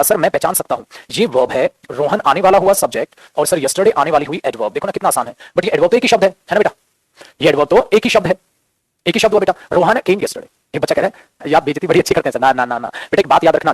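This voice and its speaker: Male grammar teacher, high husky voice, rapid-fire classroom delivery, fatherly and scolding. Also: dry recording. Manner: scolding, fatherly, keeps calling students "beta".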